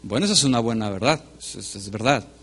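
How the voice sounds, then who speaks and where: A middle-aged male pastor giving a sermon, speaking straight to his congregation and swinging between forceful and quiet delivery. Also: on the low side, expressive, fast talker, breathy edge. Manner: emphatic preaching that swings between loud and soft.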